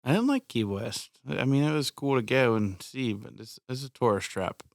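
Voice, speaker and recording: A man's voice: mid-range voice, moderate pace, gravelly, no echo, studio quality. A man on a casual podcast chat, plain-spoken and opinionated.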